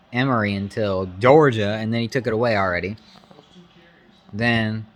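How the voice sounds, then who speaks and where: This man's fairly low-pitched voice carries casual, opinionated running commentary on a sports game, slangy and loose, veering from thrilled to grumpy.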